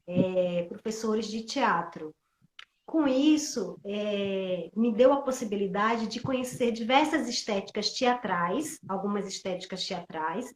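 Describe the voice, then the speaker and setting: A middle-aged woman from Pernambuco speaks over a live video call. Her voice sits a little high and rings in an echoey room. She talks slowly and reflectively, often restarting as she searches for words. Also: a little hiss or hum. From Pernambuco, Brazil. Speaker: guest actress and theatre teacher. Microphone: computer mic on a video call.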